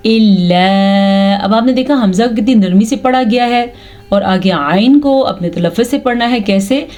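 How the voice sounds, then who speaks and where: A woman teaching Quran recitation rules in Urdu. She explains each rule clearly, then recites the verses slowly and drawn out, with a Pakistani Urdu accent. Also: a little high, a little mellow. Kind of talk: patient step-by-step recitation lesson.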